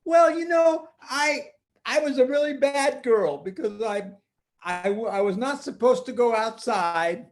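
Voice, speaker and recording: An older man voicing an earnest, excitable little princess in a rambling children's story. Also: extremely high pitch, unhurried, pitched above the performer's own voice. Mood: confessing, eager. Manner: rambling, stumbling, eager.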